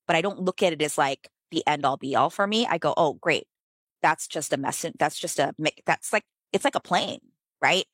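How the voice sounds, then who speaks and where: A middle-aged American woman, a business author, talking casually in an interview with lots of "like" and sudden emphatic rises. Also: dry recording. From United States. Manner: animated, filler-heavy, emphatic pitch jumps.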